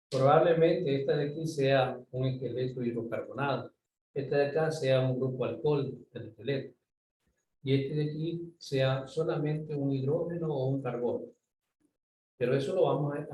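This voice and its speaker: A man lectures students in a mellow, dark voice, patiently explaining and pausing to ask if they follow. He sounds set back from the mic in an echoey room with a faint hum of ambience behind him. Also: mid-range voice, muffled recording. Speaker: university lecturer. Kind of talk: online physics lecture. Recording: roomy, distant mic, faint ambient noise.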